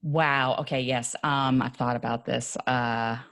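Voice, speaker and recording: A woman with a New York accent, talking casually as a podcast guest, animated and quick to laugh with fast asides. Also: very deep voice, no room sound, studio quality. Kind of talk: casual conversation.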